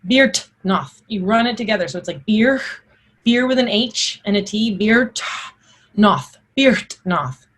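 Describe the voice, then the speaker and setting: A woman's voice: a little high, normal speed. A woman giving an informal Old English pronunciation lesson, explaining and carefully sounding out or reciting the old words. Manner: informal, explanatory, enunciates examples. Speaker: teacher.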